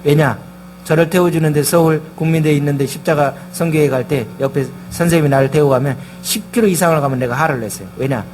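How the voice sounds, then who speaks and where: A man's voice: fairly high pitch, fast, a little mellow. A male pastor preaching a sermon in a church, emphatic and firing rhetorical questions at the congregation. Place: church sanctuary.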